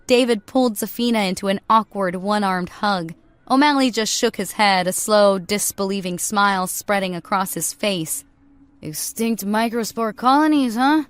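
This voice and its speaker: A woman narrating a scripted story in a steady, even way. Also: medium pitch, moderate pace, smooth, no echo.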